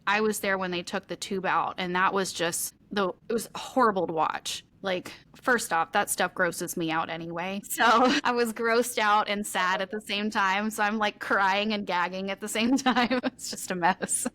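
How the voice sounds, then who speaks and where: A woman's voice: medium pitch, normal speed, few pauses, bright, forceful tone. A woman co-hosting a podcast, talking candidly and at length in a rambling, open way with many "like" fillers. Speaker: podcast co-host. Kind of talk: candid conversational chat.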